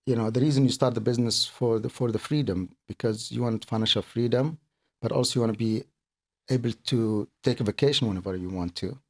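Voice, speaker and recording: A middle-aged Kuwaiti man, an accountant and business owner, appears as a guest in a casual podcast interview. His medium-pitched delivery is earnest and halting, and he often repeats words while explaining things.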